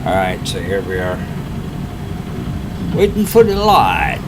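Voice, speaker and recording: A man with a fairly low voice talks slowly and casually, as in a motovlog. He is hesitant, repeating words and trailing off. Very loud engine and traffic noise runs behind him as he rides outdoors. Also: wildly swooping pitch. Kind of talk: casual unscripted riding commentary. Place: on a moving motorcycle outdoors.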